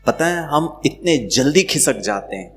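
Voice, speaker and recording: A man giving a playful, animated spiritual talk to a live audience, acting out quoted voices. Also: on the high side, normal speed, faint music behind. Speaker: spiritual speaker.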